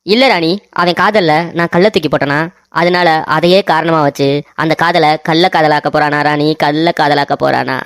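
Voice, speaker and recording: A woman's voice: low-pitched, fairly even intonation, normal speed, no room sound, clean studio sound. A woman voicing a self-pitying male army commander who whines and laments in a cartoon story. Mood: lamenting. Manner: whining, lamenting.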